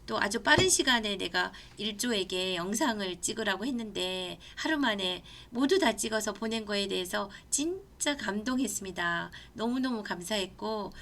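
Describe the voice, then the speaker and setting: A woman's voice: medium pitch, expressive, moderate pace, hardly any pauses, pushed and bright, slight background noise. A middle-aged woman with a Gangwon accent, giving a college lecture in an earnest, conversational way and sharing personal stories. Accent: Gangwon Korean. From Gangneung, Korea. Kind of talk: online class lecture.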